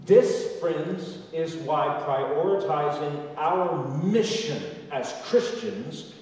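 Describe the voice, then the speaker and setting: A male pastor preaching a sermon, moving between raised emphatic lines and quiet low asides. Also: lively intonation, drawn-out words. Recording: echoey hall, distant from the mic.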